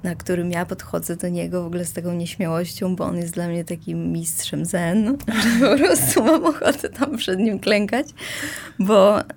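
A woman's voice: fairly low pitch, normal speed, darkish tone, a little hiss or hum. A woman in casual conversation, talking reflectively and self-mockingly, with many hesitations and small laughs.

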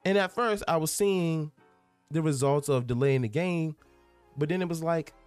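A man's voice: a little high, moderate pace, clear, resonant tone, dry recording, faint music behind. A man hosting a casual gaming podcast who reads out a news article and keeps breaking off to ramble and stumble over his words. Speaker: podcast host.

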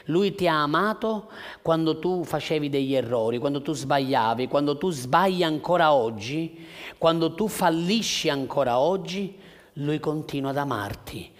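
High-voiced, impassioned male preacher. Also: expressive, moderate pace. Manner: impassioned, rhetorical questions, swings from loud to hushed. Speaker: pastor. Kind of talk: sermon.

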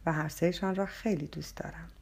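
A woman voicing a calm, quietly determined middle-aged wife who speaks softly. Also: sits low, gravelly, breathy edge, full character voice. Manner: calm and soft.

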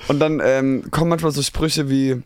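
A man's voice: mid-range voice, steady tone, normal speed, no room sound. A tired young man co-hosting a podcast, chatting casually and teasing his partner. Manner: teasing, joking interjections. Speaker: podcast co-host. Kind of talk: casual chat.

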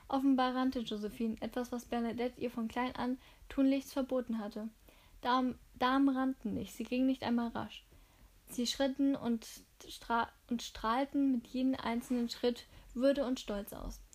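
A woman reading a novel aloud in steady scripted narration, with occasional slips. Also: fairly high pitch. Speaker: audiobook narrator.

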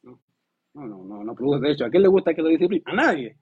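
A pastor delivering a lively, conversational sermon, asking the congregation rhetorical questions and acting out quotes. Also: male voice, a little high, fast talker, gravelly, breathy edge. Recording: tinny phone-like sound.

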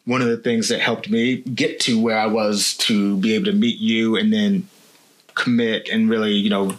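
A man's voice: fairly low pitch, level tone, normal speed. A man co-hosting a podcast, talking in a rambling, easygoing way with lots of "you know". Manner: rambling and easygoing, many fillers. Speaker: podcast co-host. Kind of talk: casual candid chat.

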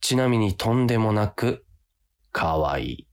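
Very animated yet a little slow, a man's low-leaning voice with a clean tone narrates wryly as a weary, easily tempted office worker. The comic radio drama is full of his grumbling, self-deprecating theatrics.

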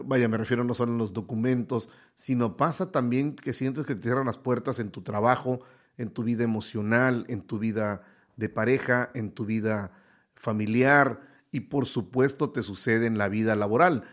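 A middle-aged man giving a casual motivational talk, conversational and repeating phrases for emphasis. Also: medium pitch.

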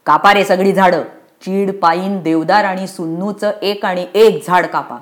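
A woman's voice: on the low side, steady tone, measured pace, natural voice. A woman voicing a harsh, bossy male timber contractor in a storybook reading, barking orders at the villagers. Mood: scornful.

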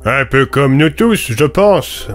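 A man's voice: fairly high pitch, lively intonation, slow pace. A man playing a French teacher who answers hesitantly and thoughtfully, a bit disdainful, with faint music behind.

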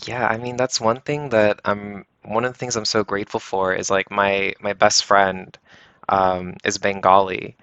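A man's voice: on the low side, little pitch movement, measured pace, fairly bright tone, smooth, no room sound. A man in a casual discussion, talking in an earnest, reflective way with many filler words. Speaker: panel guest. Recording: dull lo-fi dry recording.

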